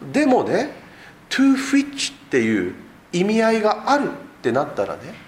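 A male pastor preaches with a high voice that swings up and down. He keeps asking his listeners rhetorical questions as he explains the passage. The sound is echoey, as in a reverberant room. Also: wildly swooping pitch, a little slow, slight background noise. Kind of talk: sermon.

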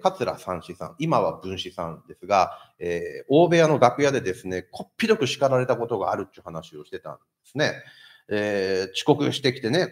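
A man preaching a sermon as pastor, asking the congregation rhetorical questions. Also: mid-range voice. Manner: lively, asks the listeners rhetorical questions.

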